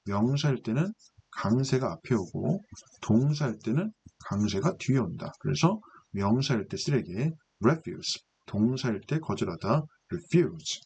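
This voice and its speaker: Male lecturer, husky tone, lively pitch, patient step-by-step grammar explanations. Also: moderate pace. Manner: patient, explanatory, asks and answers his own questions. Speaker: English reading teacher.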